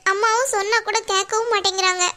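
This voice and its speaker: A woman's voice: extremely high pitch, steady tone, fast talker, pushed and bright. A woman voicing an anxious, pleading young wife in a cartoon. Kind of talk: cartoon voice acting.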